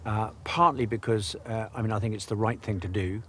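A man's voice: on the low side, steady tone, a little fast, fairly bright tone, a little hiss or hum. A male farmer speaking earnestly and steadily in an outdoor interview. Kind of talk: casual interview.

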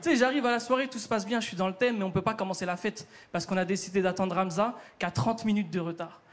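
A man's voice: high voice, quick pace. A man with a North African French accent doing a chatty stand-up routine on a theater stage, talking straight to the crowd. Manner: chatty, addresses the crowd directly. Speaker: stand-up comedian.

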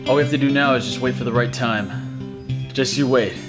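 Quietly scheming conspirator played by a man, amateur comedy, average pitch, prominent guitar music underneath. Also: fairly quick, close to an everyday voice. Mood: secretive. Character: calm, scheming conspirator planning a rescue. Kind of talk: amateur comedy sketch acting. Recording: home recording under loud music.

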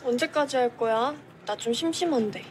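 A woman plays a bored, mild schoolgirl in a TV drama. Her voice is high and casual, over clear noise and keyboard clicking. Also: normal speed, natural voice. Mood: bored, polite. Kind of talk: Korean television drama acting, casual.

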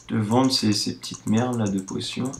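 An eighteen-year-old man giving excitable, casual let's-play commentary, often breaking into exclamations. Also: on the low side, normal speed, vocal fry, reverberant, slight background noise. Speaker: gaming video host.

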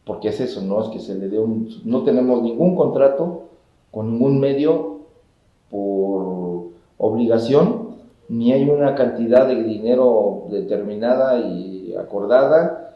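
A man's voice: mid-range voice, unhurried. Middle-aged man explaining in an echoey office. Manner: steady, explanatory, builds points in lists. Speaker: government communications official, guest. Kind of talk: measured political interview answers. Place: indoor office with wooden cabinets. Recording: roomy, slightly dull office sound.

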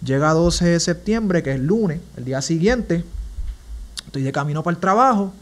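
A man's voice: a little high, animated, moderate pace. A young man with a Puerto Rican accent, a podcast guest telling his personal story earnestly and with emotion. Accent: Puerto Rican Spanish. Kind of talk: personal testimony in a casual interview.

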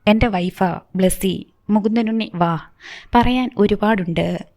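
A woman voicing a calm, authoritative middle-aged man who speaks gently and reassuringly, in an audiobook. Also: mid-range voice, slow. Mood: kindly.

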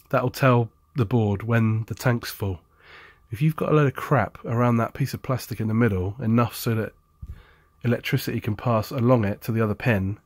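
Man, medium pitch, casual how-to talk, blunt, jokey, sarcastic, dry close sound. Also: darkish tone, no room sound. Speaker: appliance repair technician.

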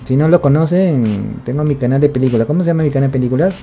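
A male streamer chatting casually on a live stream, excitable, swearing and rambling. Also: mid-range voice, rapid-fire, faint music behind.

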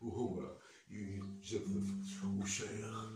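A middle-aged man with a Tunisian Arabic accent telling a folk tale like an Arabic café storyteller, theatrical and expressive, with drawn-out words and dramatic pauses. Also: fairly low pitch. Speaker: traditional storyteller (hakawati). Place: living room at home, indoors. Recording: roomy, distant mic, music behind.

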